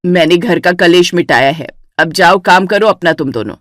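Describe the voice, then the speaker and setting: Brief: cartoon mother-in-law, older and commanding, played by a woman, lowered firm voice. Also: moderate pace, fairly bright tone, no echo, clean studio sound, lightly acted. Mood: scolding. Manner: scolding, commanding. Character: stern older mother-in-law, head of house.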